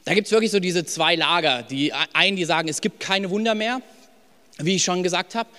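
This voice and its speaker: A young man preaching a sermon in a personal, emphatic way, dropping to soft lines and rising to loud ones. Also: high-pitched, fairly quick. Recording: long hall reverb with faint music.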